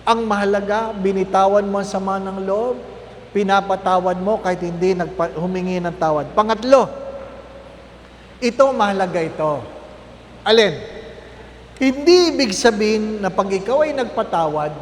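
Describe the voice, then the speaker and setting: A man's voice: high-pitched, normal speed, long pauses, echoey room, big-room sound, a little hiss or hum. A man, a priest, gives a conversational Lenten talk to a congregation, often checking in with tag questions. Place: parish church.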